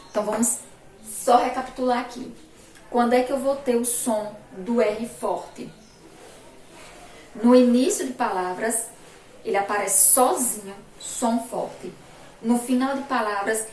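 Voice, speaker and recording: A fairly high-voiced woman teacher from Brazil gives a remote lesson to young children, drawing out each word and repeating sounds again and again. She is recorded from a distance in an echoey room with faint background noise. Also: a little mellow. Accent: Brazilian Portuguese, Sergipe. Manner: slow, emphatic, repeats sounds and words for children. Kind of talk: remote school phonics lesson.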